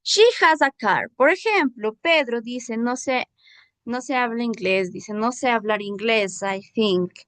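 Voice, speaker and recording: Female teacher, Peruvian accent, slow and patient, repeats examples, high voice. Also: no echo. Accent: Peruvian Spanish. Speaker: English teacher. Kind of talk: classroom lesson. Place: school class session.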